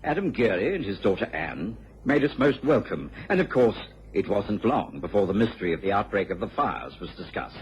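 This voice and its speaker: An actor playing a genial, kindly English gentleman doctor in a radio drama, hearty and courteous. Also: lowish voice, sing-song, brisk, few pauses, slight background noise. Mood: cheerful. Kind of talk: British radio drama acting and narration. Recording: dull old BBC radio recording.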